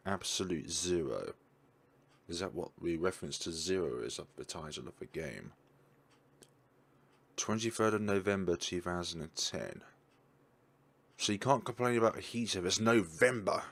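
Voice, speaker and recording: Reading visual novel text aloud, a man whose voice sits low and sounds a bit bright keeps stumbling and correcting himself, adding offhand comments about the game.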